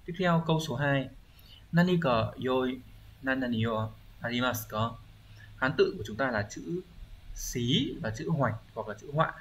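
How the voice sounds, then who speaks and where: A Japanese teacher with a mid-pitched, expressive voice walks his students through exam questions one by one in a review lesson. He explains every word patiently and often pauses to make sure they're keeping up. A faint hiss runs beneath the audio.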